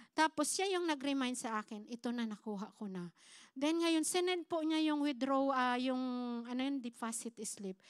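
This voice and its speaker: A woman's voice: high voice, no echo, clean studio sound. A woman pastor preaching a sermon as a personal testimony, acting out quoted dialogue and often calling the congregation brothers and sisters. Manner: addresses the congregation as "mga kapatid"; storytelling with acted-out quoted dialogue. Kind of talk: Tagalog sermon testimony, mixing in English. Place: church.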